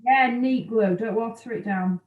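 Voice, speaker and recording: A woman's voice: fairly high pitch, unhurried, narrow, tinny audio. A woman, chatting casually as she explains the steps of a craft class. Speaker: craft workshop tutor. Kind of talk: casual video-call class chat. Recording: echoey room.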